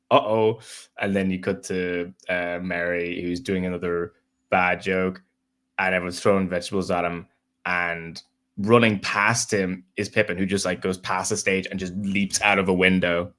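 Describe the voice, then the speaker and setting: Very deep-voiced man, halting livestream chat. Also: little pitch movement, a bit bright. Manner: halting, many fillers and restarts, laughs easily. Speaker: co-host of a writing livestream.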